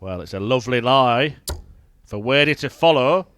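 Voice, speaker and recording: A man giving live darts commentary in measured, analytical short observations. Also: medium pitch, lively intonation, fairly bright tone, a little hiss or hum.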